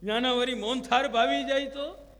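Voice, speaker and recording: A man's voice: extremely high pitch, fairly even intonation, moderate pace, a bit bright. A man giving a devotional discourse, telling stories and acting out quoted prayers and dialogue. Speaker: religious preacher. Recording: long hall reverb.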